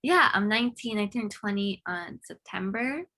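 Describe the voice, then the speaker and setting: A woman's voice: mid-range voice, lively intonation, normal speed, sharp tone. Eager teenage girl interviewer. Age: teens. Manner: eager, chatty, gushing. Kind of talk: casual interview chat.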